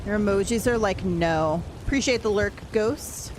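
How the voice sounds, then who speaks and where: A woman's voice: mid-range voice, normal speed. A woman chatting casually and informally as she livestreams a game, raising her voice a little to be heard, with some casual swearing. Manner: raises voice to talk over rain. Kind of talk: casual livestream chat while gaming. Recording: steady background noise, game rain ambience. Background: game audio with rain.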